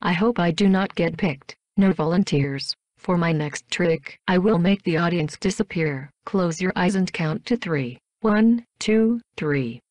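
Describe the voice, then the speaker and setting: A woman's voice: on the low side, measured pace, few pauses, darkish tone, dry recording. A woman voicing a showy robot stage magician in a game clip, with a robotic synthetic voice and grand announcing manner that breaks into error glitches. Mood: theatrical.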